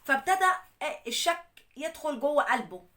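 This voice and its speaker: A woman with an Egyptian Arabic accent, hosting a show where she retells a viewer's problem as an animated story, acting out the people's lines. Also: high voice, a little fast. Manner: animated retelling with quoted dialogue. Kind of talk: storytelling monologue.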